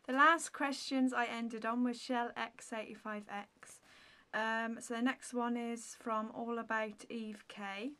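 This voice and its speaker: A beauty vlogger in her thirties chats casually to the camera in a Q&A video, rambling through viewer questions with plenty of ums and likes. Her voice is on the high side and sharp, fairly even in intonation, slow, with few pauses.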